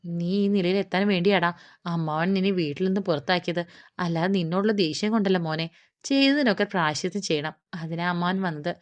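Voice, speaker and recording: A woman's voice: fairly low pitch, natural voice. A woman voicing a scheming older man who pleads with false humility. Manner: pleading, sentimental.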